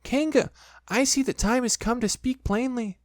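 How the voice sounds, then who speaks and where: Reader doing a small anxious piglet: high, squeaky, flustered, dry close sound. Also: moderate pace, no echo, natural voice. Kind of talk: storybook reading.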